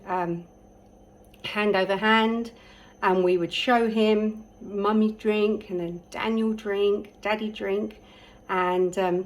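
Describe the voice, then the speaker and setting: A middle-aged woman talks casually to camera as a parent. She shares advice through stories, filling pauses with ums and breaking into small laughs. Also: medium pitch, poor audio. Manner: warm storytelling, laughs often, many ums.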